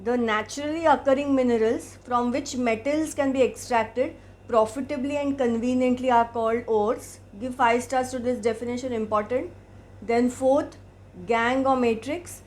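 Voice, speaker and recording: A high-pitched woman teacher lecturing on chemistry. She explains each term carefully, repeats definitions and stops for rhetorical checks like a classroom instructor. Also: steady tone, moderate pace, a little mellow.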